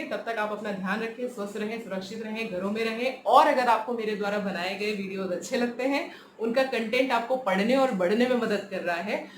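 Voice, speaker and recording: A woman teaching a beginner French lesson online, explaining patiently, mixing in English phrases and often checking with "right?". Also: fairly high pitch. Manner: mixes English phrases into her speech. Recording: echoey room with faint ambient noise.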